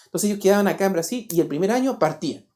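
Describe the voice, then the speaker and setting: A man, preaching a sermon as pastor. He talks in an animated way and keeps asking the congregation rhetorical questions. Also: high voice, rapid-fire. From Paraguay. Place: church.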